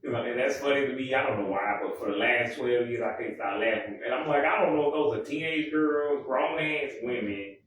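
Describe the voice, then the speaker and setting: A man rambling in a casual monologue, often correcting himself and filling pauses. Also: mid-range voice, background noise. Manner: rambling, self-correcting, many fillers. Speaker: music vlogger. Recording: echoey room, mic far off.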